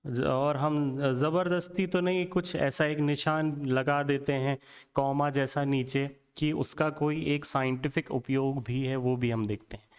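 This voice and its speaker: A man giving an exam-prep grammar lecture, explaining slowly and sounding out letters one at a time while asking and answering his own questions. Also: mid-range voice, fairly even intonation, smooth, long reverb tail. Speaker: teacher.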